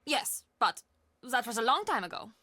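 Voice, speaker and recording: An actress voicing a warm, chatty middle-aged castle employee and aunt in a video game, expressive and confiding. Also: female voice, fairly high pitch, normal speed, dry recording, clean studio sound, exaggerated voice. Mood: candid.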